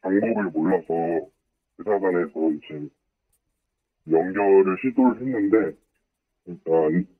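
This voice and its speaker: Pitched-down disguised voice over a phone line. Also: measured pace, long pauses, husky. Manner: hesitant, short broken phrases with many fillers. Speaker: phone-in interviewee. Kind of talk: halting phone interview. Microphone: telephone.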